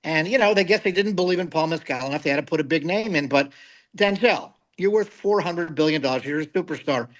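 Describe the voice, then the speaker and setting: A middle-aged man with a slightly higher-pitched voice reviews films with blunt, animated opinions. He talks like a comedy writer in a relaxed chat and does not hold back. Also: fast, rough recording. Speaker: guest film critic, comedy writer. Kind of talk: casual film review chat.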